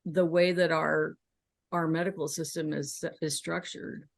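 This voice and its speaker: An American woman speaks as an interview guest in a fairly low register with heavy vocal fry. She tells her story casually and haltingly, working out her thoughts as she goes. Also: level tone, no room sound, studio quality. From Kentucky, United States. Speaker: podcast guest, documentary filmmaker.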